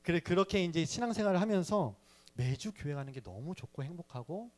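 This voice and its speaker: A man's voice: fairly high pitch, lively intonation, brisk, a little mellow. A young man telling his personal faith story in a sermon to a youth service, chatty and playful with the audience. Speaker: youth ministry speaker.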